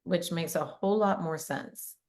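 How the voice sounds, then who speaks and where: A woman from Maryland hosts a relaxed podcast conversation. Her voice sits a little low and she talks in a chatty, animated way. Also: moderate pace. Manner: chatty, animated storyteller who breaks into laughter. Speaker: podcast host, realtor. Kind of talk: casual conversational interview.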